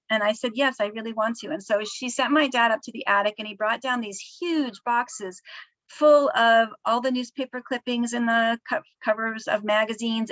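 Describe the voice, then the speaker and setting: Woman author, higher voice, halting storyteller, dull dry lo-fi sound. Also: no echo. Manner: soft-spoken, halting with frequent fillers. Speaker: author discussing her book. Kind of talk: casual storytelling interview.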